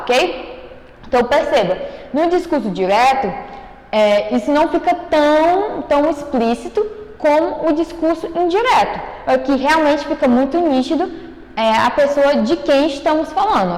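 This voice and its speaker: A woman teaching a writing lesson to schoolchildren, patiently checking that they follow with frequent "ok?" and "né?". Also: sits high. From Brazil. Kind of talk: recorded online class. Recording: echoey room, long reverb.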